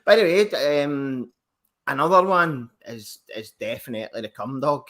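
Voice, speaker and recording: A man's voice: medium pitch, expressive, normal speed, a bit bright. A man with a Scottish accent, a podcast guest chatting casually about football, joking and laughing. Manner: jokey, swears, laughs often.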